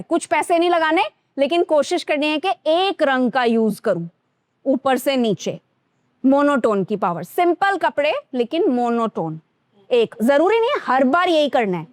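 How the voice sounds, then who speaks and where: A woman with an Indian accent teaches a grooming workshop in a classroom, speaking directly to students and switching between Hindi and English. Her high, sing-song voice moves at a measured pace with no echo.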